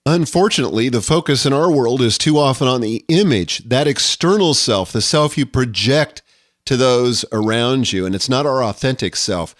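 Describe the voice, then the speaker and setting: A middle-aged man talks through a solo podcast episode in an earnest, reflective way, sometimes reading quotations aloud. His voice sits at an ordinary pitch. The recording is close and dry, with no room sound. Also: animated, moderate pace, dry recording. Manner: earnest, reflective, quotes scripture. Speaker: podcast host. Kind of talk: solo podcast monologue on leadership.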